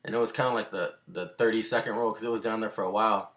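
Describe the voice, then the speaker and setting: A man's voice: lowish voice, steady tone, racing, fairly bright tone. A man casually telling a rambling, slangy story to the camera, full of fillers and asides.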